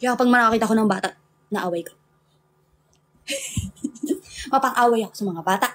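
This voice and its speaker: Chatty high-voiced Filipino young woman. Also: normal speed. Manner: chatty, laughing, mixing English into Tagalog. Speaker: livestream host. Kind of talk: casual chat with viewers.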